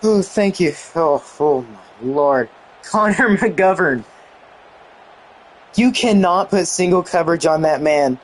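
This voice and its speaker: A young man giving excited commentary on a football video game he is playing, exclaiming and mildly swearing. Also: a little high, takes it slowly. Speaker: gaming YouTuber.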